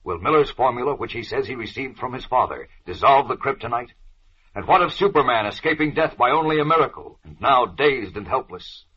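Dramatic old radio announcer, dull vintage recording. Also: male voice, mid-range voice, animated, fairly quick, sharp tone, breathy edge. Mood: suspenseful. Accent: American. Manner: melodramatic, suspense-building. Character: breathless suspense narrator of a superhero radio serial. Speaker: narrator of a radio serial.

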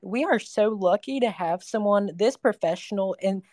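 A woman in a live audio chat with a mid-pitched voice and a dry, close sound. She speaks with impassioned indignation, her words charged and fervent. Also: normal speed, darkish tone, no echo. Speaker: guest.

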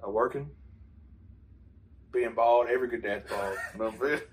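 A man's voice: mid-range voice, normal speed, distant mic. Joking man, a bit off-mic. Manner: joking, laughs often, acts out family dialogue. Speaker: podcast host. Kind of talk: casual podcast chat.

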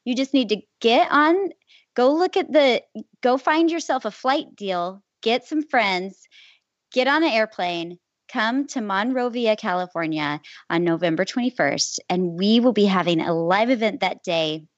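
A woman hosting a podcast, making casual announcements in an excited, emphatic way. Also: medium pitch, measured pace, no room sound. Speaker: podcast host. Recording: dull, slightly lo-fi close recording.

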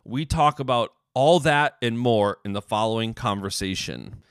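A man's voice: medium pitch, moderate pace, clean tone, no echo, studio quality. A man hosting a podcast in a conversational way. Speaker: podcast host.

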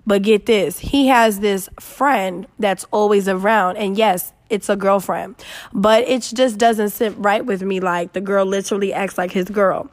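A woman's voice: medium pitch, steady tone, unhurried. A woman in her twenties chatting frankly and sassily as host of an advice show, swearing freely, with a digital echo from an empty room. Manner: blunt, sassy, heavy swearing, emphatic. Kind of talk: casual solo chat with advice, frank and slangy. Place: new, mostly empty apartment. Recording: echoey near-empty apartment room.

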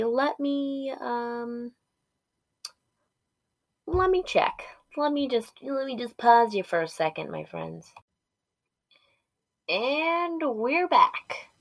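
A woman's voice: a little high, dry recording. A woman hosting a casual solo podcast from inside a closet, rambling informally and poking fun at herself. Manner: informal, rambling, self-deprecating, with swearing. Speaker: podcast host. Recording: close, dry closet recording.

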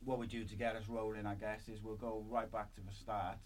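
With a lowish, darkish voice and a flat, slightly fast delivery, a man with a Welsh accent hosts a podcast in a loose, casual way, filling his talk with "like." The audio is clear but carries background noise.

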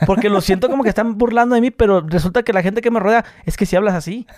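A male podcast host who fires off quick, joking questions in casual conversation. His voice sits high, and he talks very fast in a dry, close recording. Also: a little mellow, dry recording. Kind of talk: casual interview chat.

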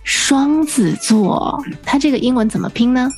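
A woman's voice: sits high, expressive, measured pace, a little mellow, husky, soft background music. A woman hosting a radio language lesson, asking curious questions and repeating the answers back. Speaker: host.

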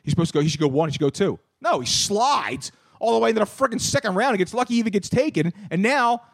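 A man in his thirties hosting a casual sports talk show, animated and ranting, often repeating words. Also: sits high, fast, creaky, dry recording, clean studio sound. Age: 30s. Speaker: podcast host.

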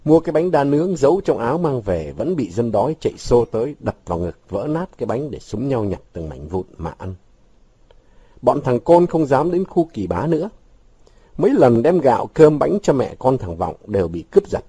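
A man's voice: medium pitch, slightly rough, dry recording. A man narrating a long story aloud, reading expressively. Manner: expressive, shifting with the scene. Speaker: audiobook narrator.

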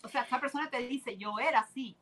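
A woman's voice: sits high, quick pace, fairly bright tone, low-quality recording. A woman guest explaining her ideas earnestly and with enthusiasm in casual conversation.

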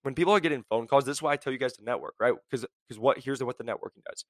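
A young man hosting a career podcast, blunt and high-energy, packed with "like" and "right?". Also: racing, no room sound. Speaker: podcast host. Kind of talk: motivational career podcast talk.

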